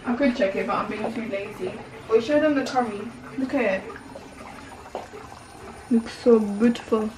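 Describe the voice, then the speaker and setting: A woman's voice: on the high side, a little fast, few pauses. A young woman chatting casually to viewers while she cooks in her home kitchen, filming on a handheld phone. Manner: chatty, bubbly, talks to viewers while cooking. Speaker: cooking vlogger. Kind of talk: casual cooking vlog chat. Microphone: handheld phone camera. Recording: noisy kitchen recording.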